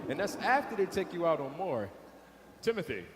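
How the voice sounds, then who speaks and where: A wisecracking brother, played by a man who fumbles his words around women. His voice swings lively and fairly high, and it rings with theatre reverb. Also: moderate pace, crowd noise. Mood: teasing. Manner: mocking jokes, then stammering. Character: teasing younger brother, awkward around women. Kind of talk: live stage play. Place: theatre stage.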